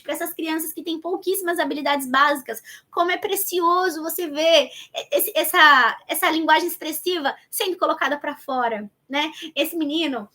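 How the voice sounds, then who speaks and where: In a high-pitched, bright, forceful voice, this educator gives a conversational online lesson about planning for child development. She is Brazilian, speaks with a Brazilian Portuguese accent, and talks straight to viewers while thinking out loud.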